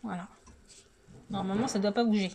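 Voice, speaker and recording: A woman, hoarse from a sore throat, talks casually and a little hesitantly through a step-by-step cooking tutorial. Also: mid-range voice, fairly even intonation, quick pace. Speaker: home cooking vlogger. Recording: clearly noisy home recording with clicks.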